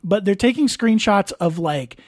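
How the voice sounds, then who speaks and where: A man's voice: high-pitched, lively intonation, moderate pace, no room sound, clean studio sound. A man hosting and producing a casual podcast, rambling through stories full of restarts and fillers.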